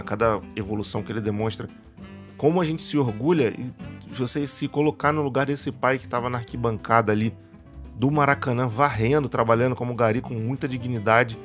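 A man, a channel host giving relaxed, chatty commentary and repeating words as he looks for them. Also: medium pitch. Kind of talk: casual spoken commentary to camera. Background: faint guitar music.

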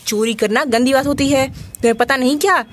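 A woman with a high voice narrates a toy play session. She is animated and bossy, and she repeats her commands over and over. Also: brisk. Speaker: toy video host.

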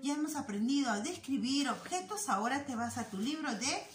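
Female primary teacher, Peruvian Spanish, high voice, echoey room recording, keeps checking in with "right?". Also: expressive, a little fast. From Peru. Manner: asks many questions, keeps adding "¿cierto?" and "¿sí?"; mixes English greetings into Spanish. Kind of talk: virtual class for young children. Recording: echoey room, faint noise.

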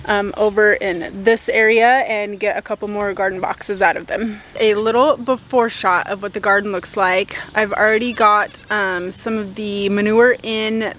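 A woman in her thirties talking casually to a handheld camera outdoors in her garden, relaxed, with frequent "um" fillers. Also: mid-range voice, normal speed, hardly any pauses, a little hiss or hum. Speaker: homestead vlogger. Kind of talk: casual vlog narration. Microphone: camera held at arm's length.

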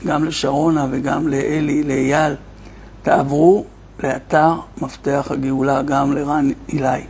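A man, a rabbi, giving an impassioned online sermon to his viewers, firing rhetorical questions and swinging from loud cries to a near hush. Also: on the high side, little pitch movement, gravelly, a little hiss or hum. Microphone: streaming to online viewers.

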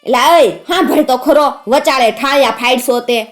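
A woman's voice: high voice, normal speed, soft background music, voice pushed up, lightly acted. A woman voicing an older male folk bard who recites in a rhythmic, proud way with a Kathiyawadi Gujarati accent.

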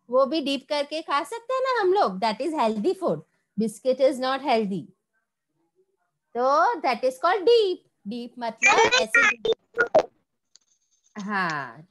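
A young woman with an Indian English accent teaching a kindergarten class online, explaining slowly and switching between Hindi and English. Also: high-pitched. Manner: slow, drawn-out explaining, mixing Hindi and English.

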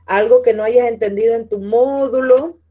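A woman's voice: on the high side, moderate pace, mellow. A woman teacher giving patient class instructions, repeating each point and speaking to her students by name. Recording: dull lo-fi audio.

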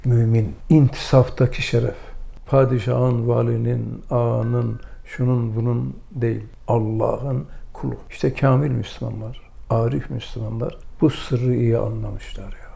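Older male lecturer: very gravelly, mellow timbre, storyteller who acts out the dialogue. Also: mid-range voice, little pitch movement, a little slow. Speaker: religious lecturer. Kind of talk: religious lesson with anecdotes.

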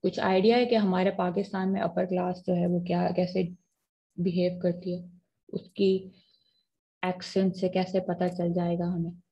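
Husky woman lecturing online. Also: lowish voice, flat delivery, moderate pace, mellow, muffled recording. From Pakistan. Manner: mixes English phrases into Urdu, asks students questions. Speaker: university lecturer. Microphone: video call.

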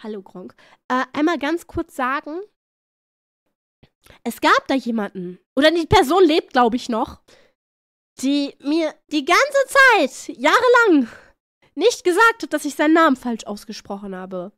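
Woman streamer reacting to clips: high, bouncy voice, excitable, playful word repetition, dry mic. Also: measured pace, no echo. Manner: excitable, shrieks and laughs often; playful, repeats words.

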